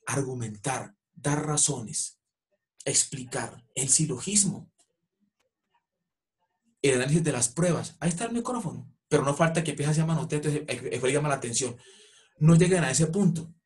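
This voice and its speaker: Man, middle-aged, law lecturer; higher voice, explanatory teaching tone. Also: moderate pace, darkish tone. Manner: explanatory, acts out courtroom exchanges. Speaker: law professor. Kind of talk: online lecture.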